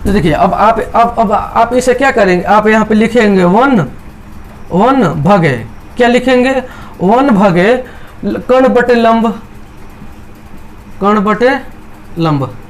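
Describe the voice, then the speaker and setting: Man, maths teacher, high pitch, repetitive step-by-step explaining. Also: takes it slowly, pauses often, slight background noise. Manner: repetitive, explains step by step, voices students' doubts. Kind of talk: chalkboard maths lesson.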